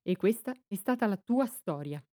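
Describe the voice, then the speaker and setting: A woman voicing a serene, wise child empress in an audiobook, speaking softly and gently. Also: medium pitch, animated, normal speed, no echo, clean studio sound, close to an everyday voice. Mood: gentle. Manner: soft, gentle, quiet.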